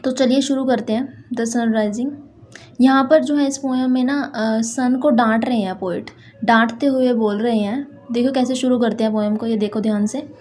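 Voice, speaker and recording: A woman teaching English literature, explaining a poem line by line in a chatty way and reading the quoted lines out slowly. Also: on the high side, steady tone, a little mellow. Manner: chatty, repeats "thik hai" and "doston", reads English lines slowly.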